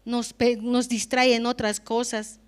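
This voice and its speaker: Woman giving church testimony, high voice. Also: flat delivery, a little slow, smooth. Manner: conversational, frequent rhetorical questions and "¿no?".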